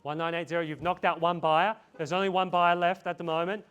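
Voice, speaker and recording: A man's voice: a little high, level tone, fairly quick, fairly bright tone, clean tone, highs cut off. A man calling a live property auction outdoors, repeating bid figures in a chant and urging buyers on. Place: outdoors in a residential street.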